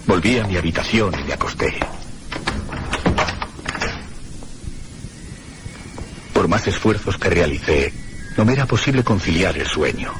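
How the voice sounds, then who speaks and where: An actor with a low voice plays a frightened man recounting a night of eerie terror, narrating a suspenseful, theatrical radio drama with deliberate pauses. The mood is uneasy and haunted, with slight background noise.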